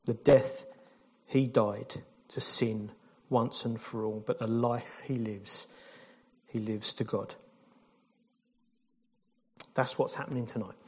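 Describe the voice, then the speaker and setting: A man's voice: medium pitch, steady tone, slow pace, pauses often, husky. A man preaching an informal, jokey sermon at a baptism service in church, with fillers and restarts. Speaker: pastor.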